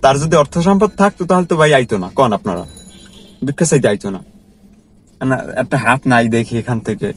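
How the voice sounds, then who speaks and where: A man with a somewhat high-pitched voice tells his vlog viewers a story from his work as a driver. He talks earnestly and casually, and he circles back to repeat his points. He keeps speaking straight to his audience. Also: slightly rough. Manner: earnest, repetitive, conversational address to viewers. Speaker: car driver telling a personal story.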